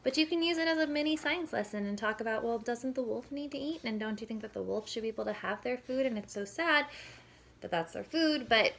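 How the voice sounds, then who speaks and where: A woman gives an informal parenting lesson, talking it through and modeling sample questions. Her fairly high voice is creaky and fairly bright, and she speaks a little fast.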